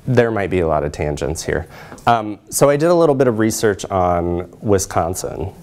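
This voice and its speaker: This social work researcher, a man in his thirties, speaks in a low, slightly mellow voice that is very animated at a moderate pace. He presents his research conversationally from beside the projection screen in a lecture room, using short tag questions to check in with listeners.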